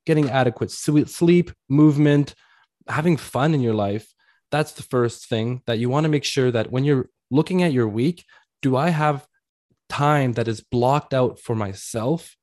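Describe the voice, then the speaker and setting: Male coach as interview guest, mid-pitched, tidy step-by-step explanations, very dry recording. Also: darkish tone, no echo.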